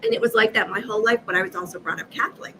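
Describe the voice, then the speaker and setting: A woman's voice: medium pitch, racing. Fifty-something woman from massachusetts on a video call, acting out all the quotes, lots of laughing, bit of faint hiss. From Massachusetts, USA. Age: 50s. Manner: lively, acts out quoted dialogue, laughs often. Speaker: guest, energy healer. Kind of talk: animated storytelling in a live chat.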